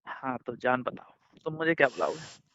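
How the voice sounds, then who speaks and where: A man's voice: mid-range voice, big pitch swings, normal speed, a bit bright, a little hiss or hum. A man on a casual romantic phone call, coaxing and playful as he keeps insisting. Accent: Hindustani. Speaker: boyfriend on a call. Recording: muffled phone call recording.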